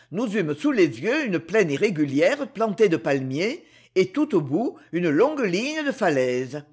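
A man narrating a novel as an expressive audiobook reading. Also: sits high, husky. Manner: expressive, literary.

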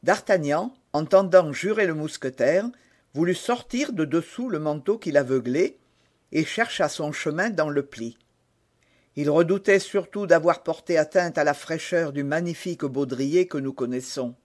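A man reading a classic novel as an audiobook narrator, in a measured, expressive storytelling manner. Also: fairly high pitch.

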